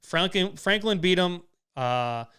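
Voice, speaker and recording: A man's voice: high voice, animated, slow, bright, forceful tone, smooth. A young man from Wisconsin co-hosting a casual podcast, giving emphatic, opinionated sports talk. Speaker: podcast co-host.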